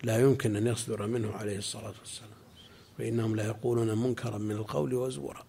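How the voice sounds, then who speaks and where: A man teaching a class as a religious scholar, explaining a legal text in a measured way and answering students' questions. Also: lowish voice, little pitch movement, vocal fry, mellow, a little hiss or hum.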